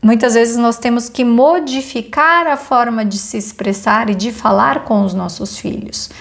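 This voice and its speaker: A woman's voice: a little high, unhurried, vocal fry. Earnest woman giving a parenting lesson. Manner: earnest, asks the listener rhetorical questions. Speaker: parenting course instructor. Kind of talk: course module lecture.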